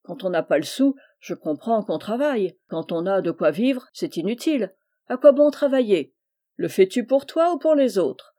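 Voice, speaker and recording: A woman voicing an idle middle-aged male drunkard who talks in a calm, even, resigned way, in a read-aloud story. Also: medium pitch, moderate pace, close to an everyday voice. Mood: weary, resigned. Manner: calm, even, world-weary delivery.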